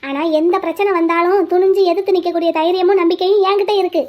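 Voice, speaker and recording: Defiant young cartoon heroine. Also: female voice, very high-pitched, steady tone, quick pace, muffled recording. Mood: reassuring. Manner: firm, confident and upbeat. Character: bold young village woman, defiant and cheerful. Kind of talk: cartoon voice acting.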